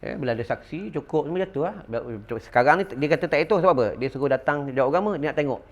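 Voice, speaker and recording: Malaysian religious teacher, middle-aged man, higher than usual pitch, animated lecture with audience asides. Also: racing, highs cut off. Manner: animated storytelling with call-and-response fillers.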